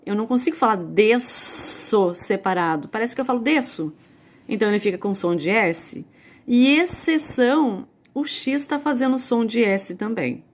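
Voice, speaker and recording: Slow-paced Brazilian woman teaching. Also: a little high. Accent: Brazilian Portuguese. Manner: explains slowly, spells out sounds and repeats key points. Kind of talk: recorded video lesson.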